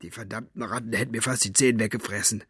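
A man's voice: on the low side, fairly even intonation, quick pace, fairly bright tone, slightly rough, no echo, studio quality. A man voicing a hulking, brutish male giant who growls his words. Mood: grumbling.

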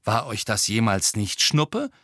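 A man's voice: lowish voice, sing-song, unhurried, bright, forceful tone, dry recording, studio quality, exaggerated voice. A man voicing an anxious, rule-abiding teenage schoolgirl in an audiobook. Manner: nervous, worried.

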